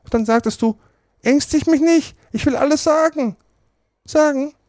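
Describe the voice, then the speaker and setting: A man reading aloud and voicing a whiny young boy who tattles in a shrill, high voice. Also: moderate pace, darkish tone, dry recording, clean studio sound. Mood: whiny prying.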